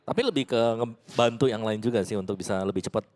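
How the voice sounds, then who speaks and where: A man's voice: fairly low pitch, fast. A man with an Indonesian accent giving casual, analytical esports commentary as a co-caster. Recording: clearly noisy background.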